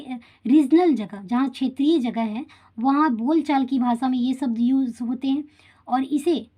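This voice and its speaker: Woman teacher, lesson to schoolchildren; high, soft-toned voice, checks in with the class as she explains. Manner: addresses children directly, checks in with tag questions. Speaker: Hindi teacher.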